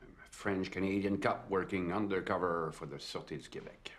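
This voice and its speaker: A man's voice: deep voice, fairly even intonation, brisk, a bit bright. An actor playing a sardonic undercover cop with a Québécois accent, firing back at his questioner. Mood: defiant. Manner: sardonic, swears in French under pressure.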